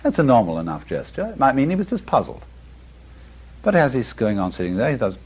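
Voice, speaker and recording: Husky man lecturing on a dull recording. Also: mid-range voice, huge pitch swings, brisk, darkish tone. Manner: musing, chuckling, with frequent asides. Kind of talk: lecture on art and philosophy.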